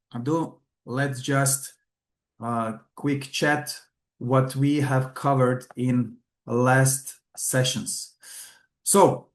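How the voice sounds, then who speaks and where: Hesitant man lecturing, echoey room. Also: medium pitch. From Croatia. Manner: hesitant, many fillers and restarts. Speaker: trainer. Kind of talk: webinar lecture.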